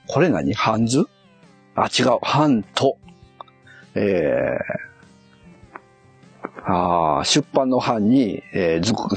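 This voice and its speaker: A man's voice: lowish voice, creaky, husky. A man on a casual live stream, muttering and puzzling aloud as he reads a kanji quiz and corrects himself.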